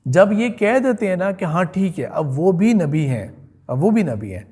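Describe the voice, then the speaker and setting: Man, lecturer, fairly high voice, chatty teaching tone, keeps asking listeners if they follow. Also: sing-song, a little mellow, husky. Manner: conversational, checks in with listeners often; mixes in English words. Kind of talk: religious history lecture.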